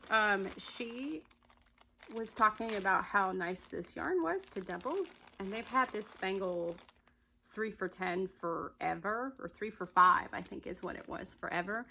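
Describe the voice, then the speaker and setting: A woman's voice: mid-range voice, animated, measured pace, vocal fry, sharp tone, a little hiss or hum, low-quality recording. A chatty woman with a Southern accent, rambling cheerfully through a casual yarn vlog and laughing often. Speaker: yarn vlogger. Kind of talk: casual chat.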